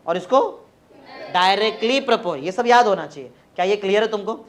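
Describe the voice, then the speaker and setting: A male teacher giving a classroom physics lecture with an Indian accent from the Marathi-speaking region, coaxing students to repeat definitions aloud in drawn-out chants. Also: sits high. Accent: Indian, Marathi-region Hindi.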